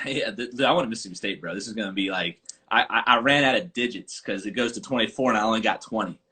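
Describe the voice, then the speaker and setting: A man, a golf coach and podcast host, telling stories in an animated casual chat over a live video call. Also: lowish voice, fast talker. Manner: animated, chatty storyteller.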